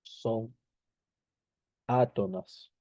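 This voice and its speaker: A man's voice: on the low side, steady tone, extremely slow, mellow, no room sound, lo-fi sound. A male teacher explaining a lesson over slides, repeating key points and checking in with short tag questions.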